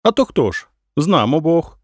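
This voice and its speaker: A man's voice: a little high, big pitch swings, measured pace, dry recording, clean studio sound, pitched above the performer's own voice. A man voicing a plain-spoken peasant woman at a village inn, with a drawling folk way of talking. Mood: chatty.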